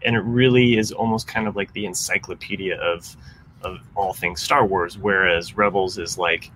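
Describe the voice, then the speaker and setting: A man's voice: deep voice, fairly even intonation, normal speed, sharp tone, slight background noise. A man co-hosting a podcast in casual chat, rambling along with many restarts. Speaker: podcast co-host.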